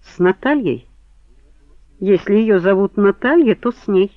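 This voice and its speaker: A man reading the part of a sharp woman who questions her lover in cool, cutting lines. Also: high-pitched, lively intonation, unhurried, no room sound, pitched above the performer's own voice. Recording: tinny phone-like band, dry.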